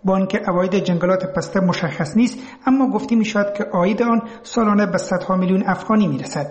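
In an echoing room, an Afghan man reads a scripted radio report. His voice sits high for a man, and he delivers the news as a reporter. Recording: roomy, echoing voice recording.

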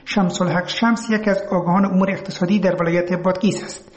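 A man's voice: high voice, steady tone. A man with an Afghan accent reading a scripted radio news report as a reporter. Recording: roomy, echoing voice recording.

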